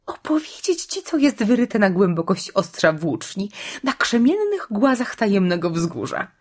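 Cruel witch queen done by a woman, husky, drags her words out, shrieky and mocking. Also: mid-range voice, sing-song, voice pushed up. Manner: mocking, drawn-out, sudden shrieks.

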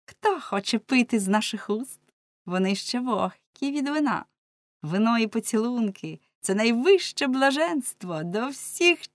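Жінка грає гульливих юних дівчат. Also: female voice, on the high side, no room sound, voice pushed up. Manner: exclamatory, gleeful. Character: merry, reckless young women carousing.

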